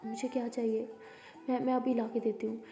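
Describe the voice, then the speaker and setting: A woman's voice: a little high, little pitch movement, fairly quick, dark tone, close to an everyday voice. Stammering sick older woman, voiced by a woman narrator. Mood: flustered. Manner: hesitant, stammering. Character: sick, stubborn older woman, old friend. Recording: echoey room, long reverb.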